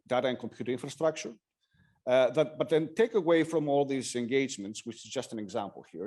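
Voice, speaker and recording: A man giving a technical lightning talk with slides, speaking haltingly with frequent hesitations and self-corrections. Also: mid-range voice, a little mellow. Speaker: conference presenter.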